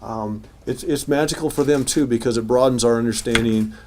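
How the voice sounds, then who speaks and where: A man's voice: medium pitch, fairly quick. A man speaking as mayor at a news conference, talking informally with restarts and fillers. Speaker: city mayor at a press conference. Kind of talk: press conference remarks and answers. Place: city hall news conference room.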